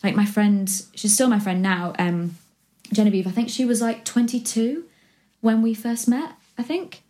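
A woman's voice: mid-range voice, steady tone, moderate pace, dark tone. A woman in her twenties from West Yorkshire, chatting casually as a guest, rambling with lots of ums and likes. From West Yorkshire, England. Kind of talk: casual chat.

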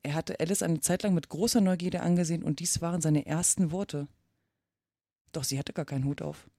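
A woman reading a classic storybook aloud for a podcast in a calm, measured way. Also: deep voice, dry recording, studio quality. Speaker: podcast reader.

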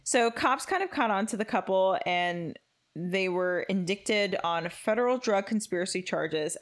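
Young woman podcast cohost, jokey and animated, telling a crime story casually. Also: mid-range voice. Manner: joking, lively storytelling. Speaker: podcast co-host. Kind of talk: casual true-crime chat.

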